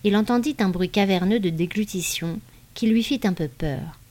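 A woman narrating a novel in a measured, even reading style. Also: mid-range voice. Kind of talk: audiobook narration.

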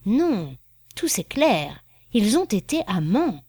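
A woman's voice: medium pitch, sing-song, slow pace, dark tone, breathy edge, no echo, clean studio sound, exaggerated voice. A woman voicing a shrewd female card reader who answers in a curt, knowing way.

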